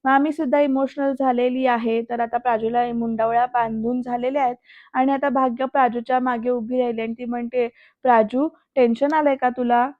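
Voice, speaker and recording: A woman's voice: a little high, little pitch movement, fairly quick, no echo, phone-quality sound. A woman reviewing a TV serial episode, retelling scenes in a chatty way and often speaking straight to her viewers. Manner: chatty, addresses viewers directly.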